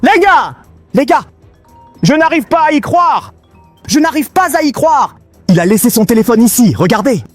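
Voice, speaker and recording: Very high-voiced man in panicky commentary. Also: sing-song, normal speed, pauses often, no echo, soft background music. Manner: panicky, exclaiming, constantly addresses viewers. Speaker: gaming video host. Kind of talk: excited gameplay commentary.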